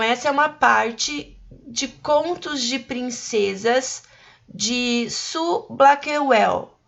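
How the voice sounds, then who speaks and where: Brazilian woman, primary teacher, unhurried storybook reading with a gravelly edge. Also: a little high, dull audio. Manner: slow, patient, explaining to children. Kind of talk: reading a storybook aloud to young pupils and explaining.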